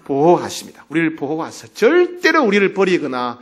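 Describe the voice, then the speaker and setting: A male pastor delivering a sermon who moves between loud exclamations and quiet, earnest asides, acting out dialogue as he retells scripture. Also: fairly high pitch, huge pitch swings, brisk, breathy edge.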